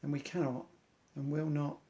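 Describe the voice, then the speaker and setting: A man's voice: fairly high pitch, level tone, normal speed, warm tone. A man, an amateur athlete, earnestly reciting an inspirational monologue in loose rhymes.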